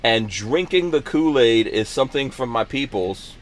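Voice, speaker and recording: A man's voice: medium pitch, animated, normal speed. Joking middle-aged man hosting a podcast. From Guyana. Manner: joking, laughs often. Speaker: podcast host. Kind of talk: casual chat.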